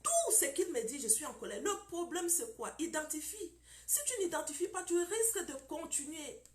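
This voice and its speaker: A woman's voice: sits high, very animated, moderate pace, reverberant. A woman preaching about marriage, emphatic and repetitive, firing off rhetorical questions.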